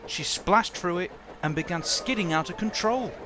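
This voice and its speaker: A man's voice: high-pitched, moderate pace. Man narrating a storybook over music.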